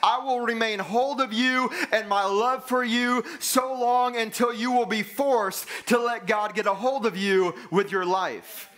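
A man's voice: very high-pitched, fairly even intonation, a little slow, few pauses, fairly bright tone. A man in his thirties preaching an earnest, emphatic sermon on a church stage, repeating key lines for stress. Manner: gestures broadly while walking the stage. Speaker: pastor.

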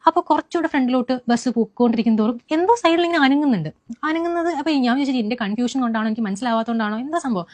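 Young woman, fast and animated first-person account, bit high, dry close sound. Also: no room sound. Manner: animated retelling with frequent restarts and fillers. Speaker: interviewee.

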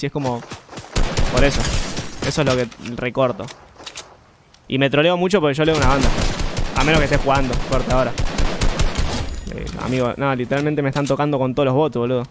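A young man with an Argentine accent, chatting and swearing freely while streaming a game, now and then bursting into shouts. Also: on the high side, noisy background. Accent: Argentine Spanish. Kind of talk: live game commentary.

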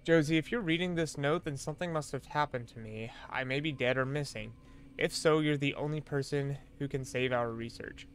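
A man's voice: mid-range voice, a little fast, close to an everyday voice. A man reading aloud, in his own voice, a letter from a frightened male researcher who fears for his life, in an earnest, urgent tone.

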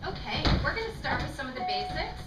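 A woman's voice: high voice, very animated, fast talker, pitched above the performer's own voice. A woman playing a perky female accent-class teacher who talks in bubbly, exaggerated valley-girl phrases on a small improv stage. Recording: echoey stage from far off, faint noise.

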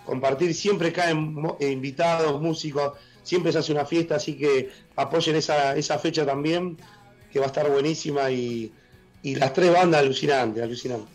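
A middle-aged Argentine man with a worn, husky voice, a blues musician talking enthusiastically on a casual radio interview over a video call. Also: fairly high pitch, fairly even intonation, soft background music, poor audio. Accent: Argentine Spanish. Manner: enthusiastic, halting with fillers. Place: room at home, joining by video call.

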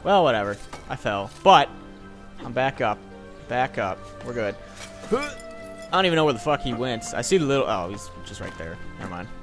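A man's voice: medium pitch, sing-song, fairly quick, over music. A young man casually commenting on his gameplay, sarcastic and swearing, joking at his own mistakes. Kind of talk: casual let's-play commentary.

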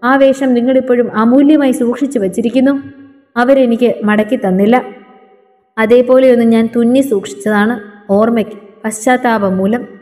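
A woman's voice: on the high side, fairly even intonation, moderate pace, mellow, natural voice. Woman reading as a grieving young ex-convict man. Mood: pleading. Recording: long reverberant echo.

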